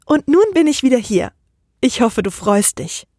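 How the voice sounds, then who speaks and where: A woman voicing a sweet young wife, talking in a raised, earnest, somewhat husky voice. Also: on the high side, sing-song, moderate pace, a little mellow, no echo, clean studio sound. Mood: pleading.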